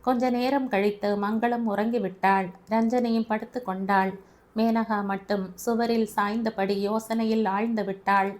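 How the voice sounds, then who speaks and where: A woman's voice: a little high, moderate pace. Woman narrating an audio novel. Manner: steady storytelling.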